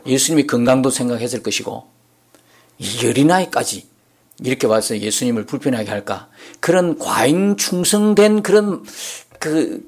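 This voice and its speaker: A male pastor delivers a Sunday sermon in a church. His voice sits fairly high for a man and swings widely, climbing to emphatic peaks before dropping to soft asides. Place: church sanctuary.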